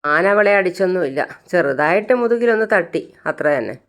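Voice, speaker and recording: A woman's voice: fairly low pitch, animated, brisk, vocal fry. A woman playing a harsh scolding grandmother. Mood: angry scolding. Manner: sharp, scolding.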